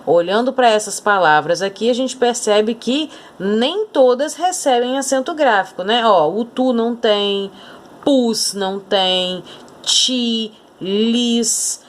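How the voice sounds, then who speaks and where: Uma mulher com sotaque brasileiro dá uma aula de português para crianças, falando devagar e repetindo as palavras principais. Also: female voice, fairly high pitch. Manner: slow, deliberate, repeats key words. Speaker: teacher. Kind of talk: Portuguese grammar lesson for children.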